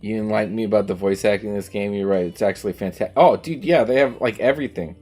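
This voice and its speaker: A game streamer talks casually and emphatically over gameplay on a livestream, sharing opinions with some swearing. His voice is lowish, husky and darkish, and he speaks fast. Soft music plays in the background.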